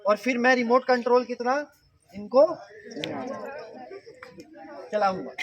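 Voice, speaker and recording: Leading an interactive mind-power workshop for schoolkids, this man speaks slowly in a very high voice, joking around and firing questions at the audience. The audio sounds dull.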